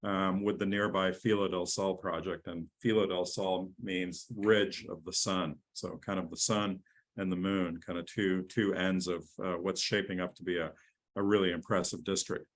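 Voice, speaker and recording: Male executive presenter, somewhat low voice, eager and repeats himself. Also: flat delivery, normal speed. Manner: enthusiastic, with frequent restarts and fillers. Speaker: company president and CEO presenting. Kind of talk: webinar presentation.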